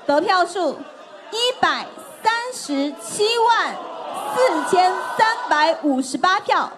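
A woman's voice: very high-pitched, expressive, slow, background noise. A woman announcing results on stage, holding back giggles as she speaks. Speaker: announcer of fan election results. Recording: loud music and crowd behind. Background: music and crowd.

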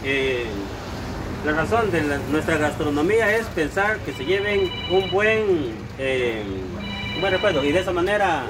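A middle-aged man with a Salvadoran accent hosting his YouTube channel outdoors in front of a restaurant, formal and full of greetings, with frequent "eh" pauses. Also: fairly high pitch, animated, over music. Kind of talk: on-the-street vlog presentation. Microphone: lapel mic. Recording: outdoor street noise, mic somewhat distant. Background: traffic and street noise.

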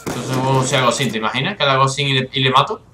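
A man with a Spain Spanish accent giving excitable, swearing live commentary over his own gameplay, with bursts of frustration. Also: mid-range voice, rapid-fire, echoey room, noisy background. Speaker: gaming YouTuber.

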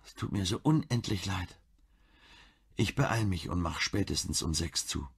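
A caring wife and doctor, as a male reader puts her on, gentle and pleading. Her voice stays low and gravelly. It sounds husky rather than clear. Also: a little slow, heavily acted.

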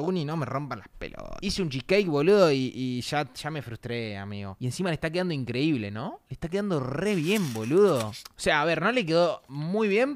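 A young man with an Argentine accent, chatting casually and reacting on a stream, full of slang and asides to his chat. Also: mid-range voice. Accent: Argentine Spanish. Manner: slangy, animated, talks to chat.

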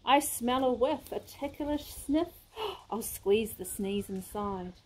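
A woman voicing a gentle, worried male bear in a storybook reading, soft and slow. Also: a little high, expressive, voice pushed down, low-quality recording.

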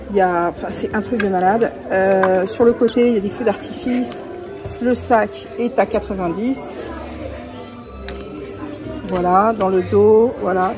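A woman vlogging casually from an indoor shop, gushing over each item and piling on superlatives, filming on a handheld phone. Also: mid-range voice. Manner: gushing, piles on superlatives and repeats "very, very". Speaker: merchandise vlogger. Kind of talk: casual shopping vlog. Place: indoor theme park shop. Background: shop background music.

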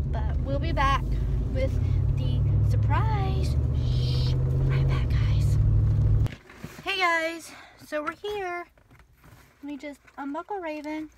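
A young woman chatting excitedly to her viewers in a casual vlog, a little out of breath, filmed on a phone while walking outside. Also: high-pitched. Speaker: vlogger. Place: outdoors on a walk. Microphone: handheld phone camera. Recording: phone video with outdoor noise.

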